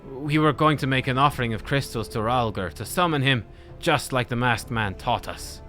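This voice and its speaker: A man's voice: medium pitch, normal speed, sharp tone, faint music behind, lightly acted. A man voicing a distraught young freedom fighter, earnest and faltering, in a fantasy game. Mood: distraught, remorseful.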